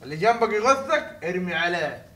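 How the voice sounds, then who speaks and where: A young man doing playful, teasing let's-play commentary, often laughing and breaking into shouts. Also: high-pitched, sing-song, a little fast. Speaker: gaming video host.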